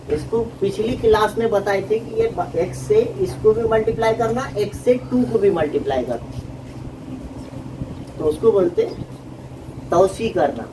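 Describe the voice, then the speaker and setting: A man's voice: sits high, distant mic. Male math teacher, patient and questioning, off-mic, traffic noise behind. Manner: explains patiently, often asking the class questions. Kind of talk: classroom lesson.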